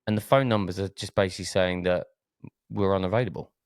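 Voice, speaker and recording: Low-pitched and steady, this man talks fast and smoothly on a dry, clean studio recording. He's a podcast host from Essex, England, with an Essex accent, keeping the chat casual while hesitating and repeating words.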